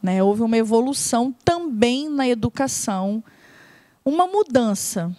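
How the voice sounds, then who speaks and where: A woman telling a story in a casual chat, animated and laughing. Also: on the high side, unhurried, dry recording. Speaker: mother and co-host.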